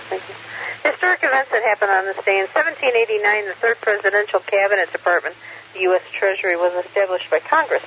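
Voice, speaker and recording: A woman's voice: mid-range voice, fairly bright tone. Lady doing her ham radio segment, reading stuff out, hissy static, muffled sound. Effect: radio transmission with static. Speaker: regular segment presenter on radio net. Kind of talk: reading quotes and history items.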